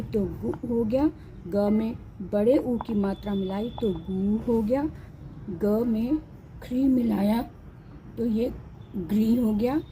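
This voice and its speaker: Slow patient woman teacher. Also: a little high, mellow, a little hiss or hum, low-quality recording. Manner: patient, repeats each syllable twice. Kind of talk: slow step-by-step Hindi lesson.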